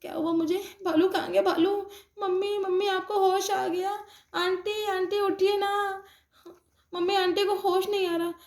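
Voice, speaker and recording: A woman's voice: extremely high pitch, flat delivery, unhurried, echoey room, pitched above the performer's own voice. A woman voicing a worried little girl doll in a doll story, pleading in a childlike way.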